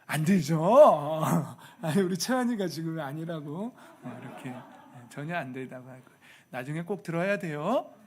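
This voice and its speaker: Male pastor, slightly higher voice, lively and playful sermon delivery in a church. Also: normal speed, hardly any pauses, a little hiss or hum. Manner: animated and humorous, acting out quoted speech. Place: church sanctuary.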